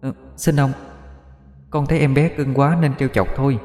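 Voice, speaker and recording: A man's voice: medium pitch, fairly even intonation, normal speed, a little mellow, reverberant, big-room sound, pitched above the performer's own voice, lightly acted. A man voicing a playful teenage girl ghost in a ghost story, pleading and teasing.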